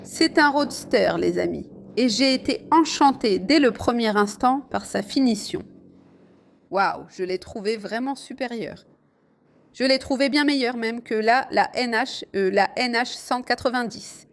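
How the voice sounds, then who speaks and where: A woman's voice: fairly high pitch, expressive, a little slow, gravelly. A woman riding a motorcycle in city rain, chatting and exclaiming to her viewers as she rides. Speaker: motovlogger. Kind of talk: casual riding commentary.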